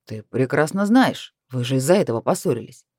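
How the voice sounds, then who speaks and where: A man's voice: medium pitch, big pitch swings, fairly quick, a little mellow, dry recording, studio quality, pitched below the performer's own voice. A woman voicing a sarcastic, stern middle-aged male boss in an audiobook. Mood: sardonic.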